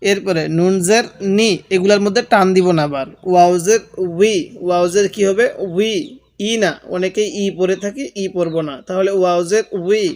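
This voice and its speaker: A man teaching Quran reading, patiently sounding out each Arabic letter and vowel and correcting common mistakes. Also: sits high. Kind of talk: slow step-by-step lesson.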